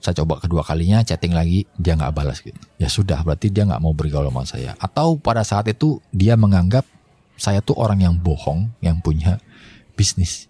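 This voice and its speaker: A man's voice: sits low, mellow, husky, no room sound. A middle-aged man hosting a podcast, telling personal stories in a reflective, casual way and chuckling often between thoughts. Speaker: podcast host. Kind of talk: casual storytelling monologue.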